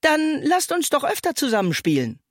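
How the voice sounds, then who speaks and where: A storyteller voicing a bold, sharp-tongued young girl goalkeeper, mocking and resolute. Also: high voice, wildly swooping pitch, normal speed, dry recording, clean studio sound, pitched above the performer's own voice, exaggerated voice. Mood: friendly.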